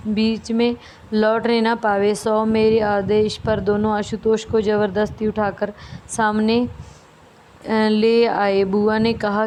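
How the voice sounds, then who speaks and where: A woman teacher reading a story aloud slowly and carefully, with small restarts, then explaining it to her students. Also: mid-range voice, darkish tone. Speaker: school teacher. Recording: faint background noise.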